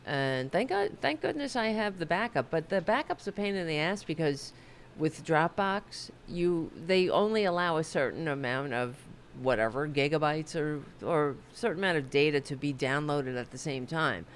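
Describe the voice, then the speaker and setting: This woman's low voice has lively intonation, a moderate pace and few pauses, with a little hiss or hum in the background. Hosting a political talk livestream from her home office while slightly ill and losing her voice, she's rambling, chatty and self-deprecating, swearing and correcting herself.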